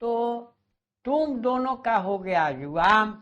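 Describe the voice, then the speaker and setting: A man teaching a grammar lesson, slowly repeating and drawing out words. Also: extremely high pitch, lively intonation, fairly bright tone. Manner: slow, repeats words and stretches them out. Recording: dull lo-fi sound.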